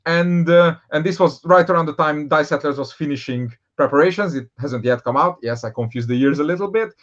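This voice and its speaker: A man's voice: fairly high pitch, fairly quick, a bit bright. Man chatting, lo-fi sound. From Hungary. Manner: rambling with many fillers and restarts. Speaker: board game designer, guest. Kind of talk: casual conversational interview. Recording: dull, lo-fi sound.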